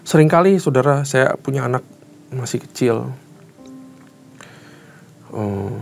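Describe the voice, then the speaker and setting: A man's voice: mid-range voice, darkish tone. Emphatic man preaching a conversational sermon. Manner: emphatic, rhetorical questions to the congregation; casual colloquial phrasing. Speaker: Bible study teacher.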